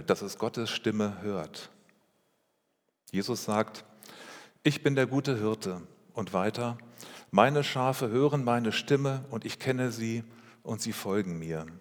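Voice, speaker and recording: A man preaching a sermon as pastor, speaking in a measured way with rhetorical questions and repeated phrases. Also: on the low side. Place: church. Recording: long reverb of a church hall.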